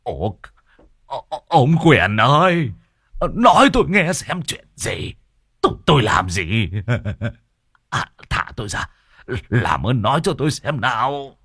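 A man's voice: mid-range voice, sing-song, slow pace, a bit bright, husky, no room sound, clean studio sound, pitched above the performer's own voice, heavily acted. A man voicing a frightened older village man who stammers and whimpers his pleas. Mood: whimpering panic.

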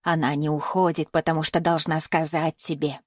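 A woman reading an audiobook and voicing an old, half-mad grandmother who sees spirits, speaking lower and slower in a hushed tone. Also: level tone, dry recording, studio quality. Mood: eerie, cryptic. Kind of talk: audiobook character voice.

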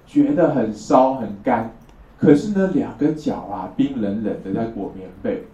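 A man's voice: mid-range voice, dark tone. A man teaching a traditional Chinese medicine class, explaining step by step and often checking that his listeners agree. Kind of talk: classroom lecture. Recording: distant roomy lo-fi lecture recording.

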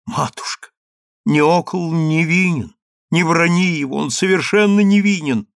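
A man's voice: on the high side, a little slow, vocal fry, a bit bright, no echo, studio quality, voice pushed up. A man voicing a young woman who pleads tearfully with her mother in a storybook reading. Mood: desperate pleading.

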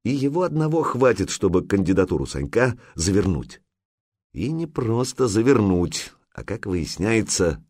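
A man narrating an adventure audiobook in an expressive, storytelling manner. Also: fairly low pitch, moderate pace, dry recording, studio quality.

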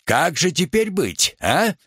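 A man voicing a frantic petty male clerk who squeaks with desperate bravado. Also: big pitch swings, slow pace, fairly bright tone, breathy edge, dry recording, clean studio sound, heavily acted.

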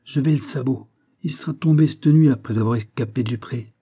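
A man voicing a blunt, hardened ex-soldier farmhand in a storybook reading, gruff and matter-of-fact. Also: medium pitch, a little fast, dark tone, voice pushed up.

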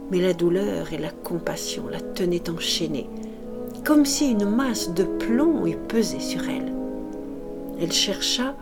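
A woman giving an expressive, dramatic audiobook reading of a classic novel, with music behind. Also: on the low side. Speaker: audiobook reader.

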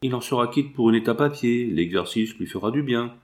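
A man's voice: mid-range voice, expressive, brisk, lightly acted. A man voicing a matter-of-fact young male gamekeeper in an audiobook. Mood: plain. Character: young male gamekeeper, plain-spoken servant.

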